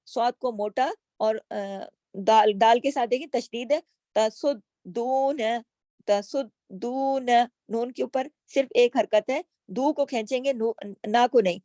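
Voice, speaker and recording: This woman teaches tajweed slowly, reciting words, explaining every letter with patience and posing questions to herself. She's a Quran recitation teacher with a highish, darkish voice at a moderate pace, captured in a dry, clean studio recording.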